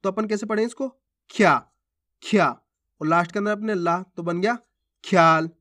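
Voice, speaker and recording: A man giving a reading lesson, asking how each word is read and then repeating it slowly with careful stress on the sounds. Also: high voice. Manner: loudly sounds out model words. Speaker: Hindi reading teacher. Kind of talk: slow spoken lesson, reading words aloud.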